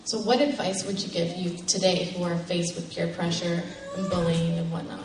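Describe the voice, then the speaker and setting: A woman's voice: fairly low pitch, steady tone, moderate pace, a little mellow, a little hiss or hum. A female interviewer asking polite, brief questions. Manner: polite and brief, with frequent backchannels. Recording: echoey room, mic at a distance.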